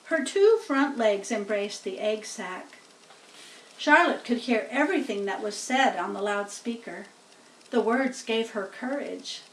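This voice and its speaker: The woman's voice sits on the high side with a fairly bright tone as she reads a children's story, keeping the narration plain and slow and chatting to explain things. Slight background noise runs under a roomy, distant-sounding home recording.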